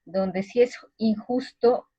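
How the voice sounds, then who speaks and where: A woman speaking in a measured way in a group discussion over a call, a little distant from the mic. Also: a little high, dark tone, breathy edge. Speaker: discussion participant. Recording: dull lo-fi call audio.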